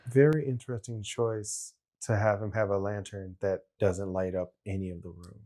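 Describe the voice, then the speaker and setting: A man's voice: fairly low pitch, fairly even intonation, moderate pace, mellow. A man co-hosting a show reaction, talking in a casual, musing, questioning way.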